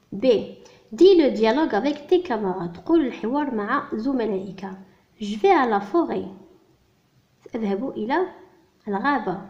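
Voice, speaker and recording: A woman teaching a primary-school French lesson, explaining in Arabic and sounding out each French word slowly and carefully for children. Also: on the high side, a little mellow. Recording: dull lo-fi recording.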